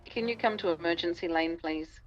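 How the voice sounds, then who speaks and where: A woman's fairly low voice comes through a police radio in short dispatch calls. The sound is dull and muffled, with heavy noise underneath. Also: a little fast. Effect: over a police radio. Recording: muffled noisy radio channel.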